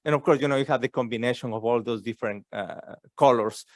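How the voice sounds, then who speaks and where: A man's voice: mid-range voice, fast, no echo. Hesitant man presenting at a conference. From Ecuador. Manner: hesitant, many fillers and restarts. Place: conference room.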